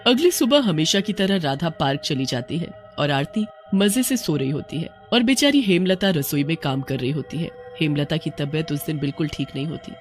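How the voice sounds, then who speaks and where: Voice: mid-range voice, expressive, normal speed, few pauses. Storyteller over faint music. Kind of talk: scripted cartoon storybook narration.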